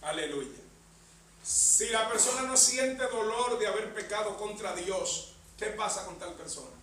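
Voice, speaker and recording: Bright, high-pitched male preacher, constant amens, recorded from a distance in a reverberant church with a faint hum. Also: measured pace. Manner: punctuates phrases with amen and bendito sea el Señor. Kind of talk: sermon. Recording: echoey church hall, mic far off.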